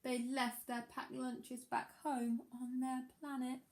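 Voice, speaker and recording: Taking it slowly in a high-pitched voice, a woman reads a picture book for children the way a primary school teacher would. She reads expressively, leaning dramatically into the rhymes.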